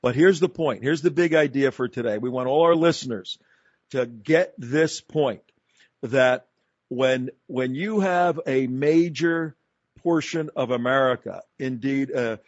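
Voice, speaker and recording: An emphatic man hosts a talk radio show, pressing his argument in long, run-on sentences. His voice sits at an ordinary pitch. The studio sound is dry and a bit dull. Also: a little mellow, no echo.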